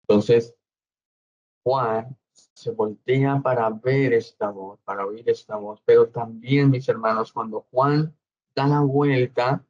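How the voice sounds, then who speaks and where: A man preaching a slow, measured Bible study sermon as pastor, often checking in with his congregation. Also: medium pitch, steady tone, darkish tone, lo-fi sound.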